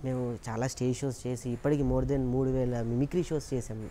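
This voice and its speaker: A man with a mid-range voice talks fairly quickly over slight background noise. In a casual interview about his career as a mimicry artist, he tells stories earnestly and with animation, acting out the voices of the people he quotes.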